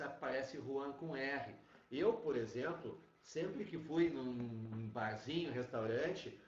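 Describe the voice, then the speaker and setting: Slow-talking male Spanish teacher in an echoey classroom. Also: medium pitch. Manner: chatty and repetitive, tag questions. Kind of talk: classroom lecture. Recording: muffled classroom recording with echo.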